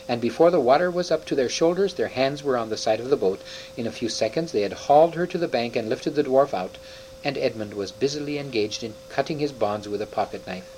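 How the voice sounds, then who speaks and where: A man reading a children's novel aloud in steady, unhurried storytelling, with small slips and restarts. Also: mid-range voice, slight background noise, rough recording. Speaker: audiobook reader.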